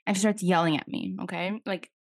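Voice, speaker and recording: A young woman tells a long story on her podcast in loose, casual chat, peppered with "like" and the odd swear word. Her voice sits on the low side, and the sound is dry and close, with no room around it. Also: steady tone, brisk, no echo. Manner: rambling storytelling, heavy use of "like" fillers, swears freely. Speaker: podcast co-host.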